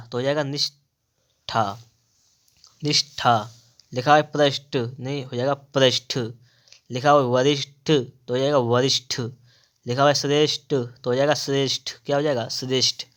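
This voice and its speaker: A man's voice: mid-range voice, fairly bright tone. A man gives a spelling lesson for exam students. He says each word once, then again, and answers his own questions as he goes. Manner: repeats each word slowly, asks and answers himself. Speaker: Hindi grammar teacher.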